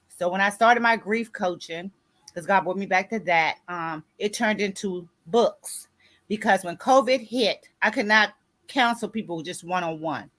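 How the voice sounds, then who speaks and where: A woman's voice: medium pitch, fairly bright tone. A woman in her sixties speaks as a grief coach and author giving a motivational talk. She sounds preachy and keeps checking in with her listeners. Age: 60s. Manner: preachy, repeats "you see what I'm saying".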